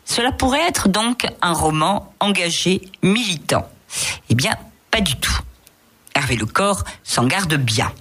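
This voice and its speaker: This is a woman with a notably low voice presenting a radio book column. She recommends novels with warm enthusiasm, often stopping mid-sentence with hesitant filler sounds as she searches for words. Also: breathy edge. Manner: hesitant, many filler pauses. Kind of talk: radio book review chat.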